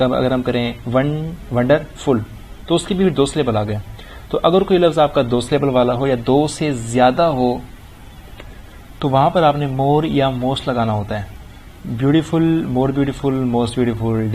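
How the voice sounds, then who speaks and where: A middle-aged man teaching an English grammar lesson, reading example sentences slowly and deliberately. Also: mid-range voice, darkish tone, a little hiss or hum. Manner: explains in Urdu-leaning Hindi, reads English examples slowly and deliberately. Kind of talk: recorded grammar lecture.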